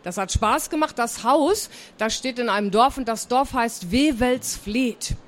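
A woman's voice: on the high side, unhurried. Woman from northern Germany, children's author, simple and friendly talk to kids. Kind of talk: author talk and reading to a live audience.

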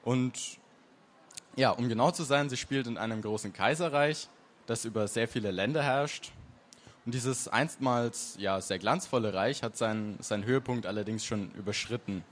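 A man introducing and then reading aloud from his own fantasy novel in a calm, measured storytelling manner. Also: mid-range voice.

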